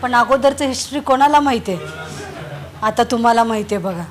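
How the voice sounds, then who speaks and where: A woman's voice: fairly high pitch, expressive, a little fast. A woman pastor preaching a sermon, telling stories and repeating phrases for emphasis with calls of hallelujah.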